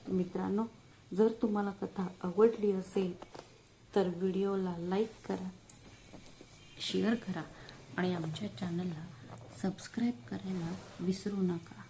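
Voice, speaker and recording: Slow, mellow woman storyteller. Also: medium pitch, steady tone, slight background noise, rough recording. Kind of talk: scripted story narration.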